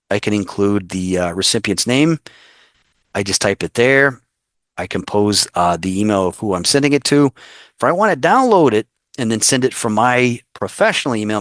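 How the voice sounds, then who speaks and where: A man acting as a real estate tech trainer, walking through software step by step in a screen-share tutorial, with frequent fillers. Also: on the low side, no room sound, clean studio sound.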